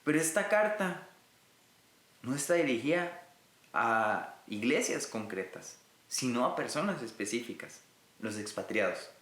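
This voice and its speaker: A man's voice: mid-range voice, sing-song, unhurried, fairly bright tone, reverberant. A man from Rica, teaching a recorded Bible lesson in an earnest way and speaking directly to his listeners. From Costa Rica.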